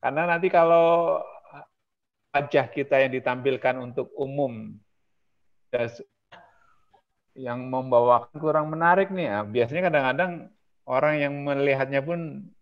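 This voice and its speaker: A man with a mid-pitched voice gives a casual, chatty talk as a trainer over a video call. His delivery is relaxed, and he pokes fun at himself. The sound is a bit dull and lo-fi. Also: unhurried, pauses often. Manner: relaxed, chatty, self-deprecating.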